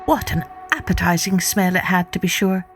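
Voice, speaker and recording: A woman narrating a folktale for children in an expressive, measured way. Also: on the low side, music in the background. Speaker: storyteller.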